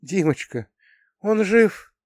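A man's voice: high voice, lively intonation, slow, no room sound, clean studio sound, pitched above the performer's own voice. A man voicing a frightened middle-aged mother who speaks weakly and pleads in an audiobook. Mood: frantic pleading. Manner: weak, wailing, pleading. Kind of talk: audiobook character voice.

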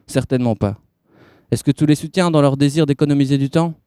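A man reading a novel aloud and voicing a cold, smooth-talking man in grey who speaks in a pushy, persuasive way. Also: on the high side, a little fast, dark tone, dry recording, clean studio sound, pitched above the performer's own voice, natural voice. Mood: lecturing. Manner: persuasive, pushy, icy under a sweet tone.

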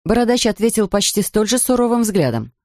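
A woman narrating a children's story in an expressive, steady reading style. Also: mid-range voice, a little fast, no room sound, studio quality. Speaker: audiobook narrator.

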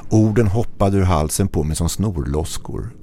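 A man's voice: low voice, dark tone, slight background noise. A man narrating a first-person horror story in short, tense, clipped phrases.

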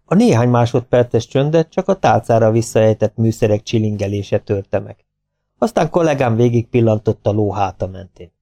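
A man narrating an audiobook in a calm, even storytelling manner. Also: on the low side. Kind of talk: scripted narration.

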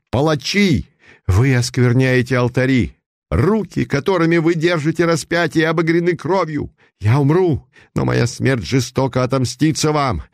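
A man's voice: medium pitch, gravelly, darkish tone, breathy edge, dry recording, studio quality, heavily acted. A man voicing a condemned young count, pleading and cursing his executioners in a raised, strained voice.

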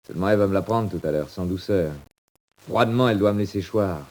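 A man playing Yeux-Verts, a lowish condemned prisoner. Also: fast, a little mellow, close to an everyday voice. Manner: theatrical, swinging from bitter murmurs to cries. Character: condemned male prisoner, proud and despairing. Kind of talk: 1940s radio acting.

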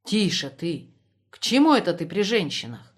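A woman's voice: lowish voice, very animated, normal speed, husky. A woman voicing a restrained male political officer who speaks firmly. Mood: stern.

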